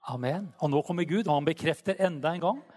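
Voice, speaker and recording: A man preaching a sermon, fervent and animated, often calling out praise between his sentences. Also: on the high side.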